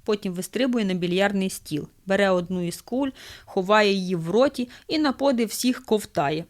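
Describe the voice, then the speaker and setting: A woman narrating jokes in an even, scripted storytelling delivery. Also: medium pitch, moderate pace. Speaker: joke narrator.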